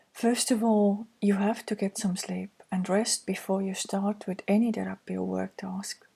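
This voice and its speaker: This woman, an anxiety counselor and native speaker of Estonian with a matching accent, softly and gently reads course slides aloud. Her voice sits at medium pitch with a breathy edge.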